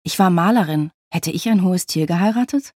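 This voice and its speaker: A reader voicing a married woman, a former painter, who snaps back in brisk, exasperated retorts, in a storybook reading. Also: medium pitch, darkish tone, dry recording, studio quality, close to an everyday voice. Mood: defensive.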